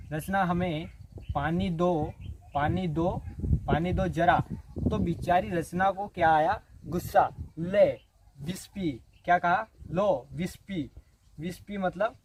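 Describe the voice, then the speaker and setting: A man's voice: high voice, slight background noise. A man teaching an exam-prep lesson, who keeps asking and answering his own questions. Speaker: coaching teacher.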